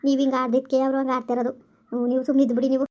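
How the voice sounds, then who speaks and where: A woman's voice: high-pitched, little pitch movement, racing, dark tone, pitched below the performer's own voice, lightly acted. A woman voicing a young woman who keeps comforting her sister-in-law, with soothing, repeated reassurances. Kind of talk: animated story voice-over. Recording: lo-fi, dull voice-over.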